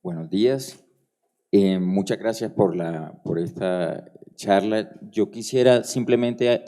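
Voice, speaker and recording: Man, audience question, very low voice, very dark tone, deliberate. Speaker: audience member asking a question. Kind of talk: question from the floor at a conference.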